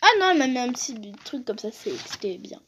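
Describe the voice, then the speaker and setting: A woman's voice: fairly high pitch, very animated, fast talker, fairly bright tone, slight background noise. A young woman casually showing her old school notebooks, reading the exercises aloud, joking and trailing off into mumbles. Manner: chatty, reads aloud and jokes, trails off into mumbles. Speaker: vlogger. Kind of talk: casual vlog commentary.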